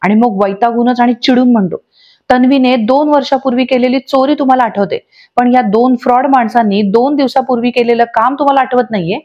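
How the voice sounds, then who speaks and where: A woman's voice: on the high side, a little fast, highs cut off, lightly acted. A woman reading the lines of a young man who defends his wife. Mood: indignant.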